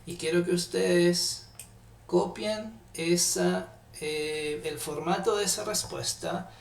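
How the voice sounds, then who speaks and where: A man teaching English in a live online class, patiently repeating phrases slowly. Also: sits high, fairly even intonation, gravelly, far from the mic, a little hiss or hum. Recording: echoey room, off-mic.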